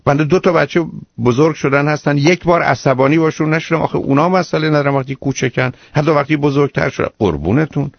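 A man's voice: a little high, creaky, few pauses, dry recording, highs cut off. A man hosting a radio call-in advice show, lecturing a caller sternly and emphatically.

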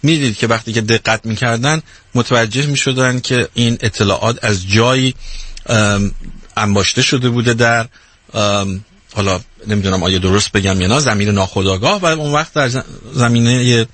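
A man's voice: medium pitch, fairly bright tone, dry recording. A man hosting an interview, asking reflective questions and often searching for his words.

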